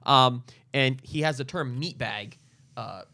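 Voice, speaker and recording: A man's voice: mid-range voice, takes it slowly, sharp tone, no echo. A man co-hosting a podcast, chatting casually and enthusiastically, with frequent ums. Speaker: podcast co-host. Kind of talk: casual chat.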